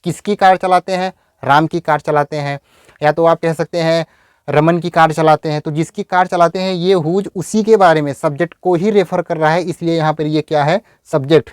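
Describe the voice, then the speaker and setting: A man teaching English in a video lecture, explaining step by step and saying example sentences slowly. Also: fairly high pitch, fairly even intonation, clean tone, no room sound, studio quality.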